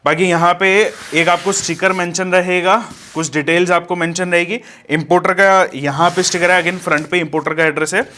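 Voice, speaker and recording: Man, slightly high voice, chatty unboxing review, friendly with viewers. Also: level tone, a little fast, hardly any pauses, sharp tone, slight background noise. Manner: casual, addresses viewers as friends, many fillers. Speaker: DJ equipment vlogger.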